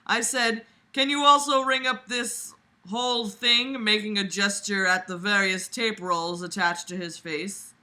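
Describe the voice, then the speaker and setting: A young woman with a mid-range, bright, forceful voice reads aloud and tosses in casual, sarcastic, exasperated, blunt remarks. Her intonation stays fairly even and her pace is a little slow. She's lying on a bed in a small room at home.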